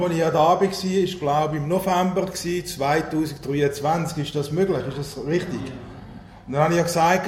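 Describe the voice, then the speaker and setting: A man's voice: fairly high pitch, darkish tone, slight background noise. A man with a Swiss German accent preaching a sermon in a chatty way, often asking his congregation questions. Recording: roomy hall with faint ambience.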